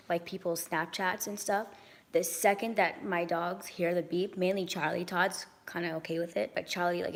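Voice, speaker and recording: A young woman rants casually in a vlog, holding her phone at arm's length as she walks around the large kitchen and rooms of her home. Her voice is fairly low, hoarse and raspy from acid reflux, and she's chatty, full of ums and likes, and swears freely.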